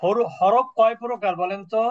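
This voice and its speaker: High-voiced man teaching over a call. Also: fairly even intonation, moderate pace, no echo. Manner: patient, quizzes students with questions. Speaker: Arabic teacher. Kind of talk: online class lesson. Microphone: video call. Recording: dull lo-fi dry call audio.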